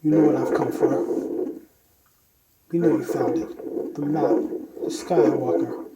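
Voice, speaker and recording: A vlogger using a mask's voice changer to play a menacing masked villain, echoey and muffled, in a slow, low, threatening delivery. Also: animated, recorded from a distance, a loud crowd. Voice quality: echoey, muffled through the mask. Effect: voice changer in a costume mask. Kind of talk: home product review vlog. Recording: echoey voice from inside a mask.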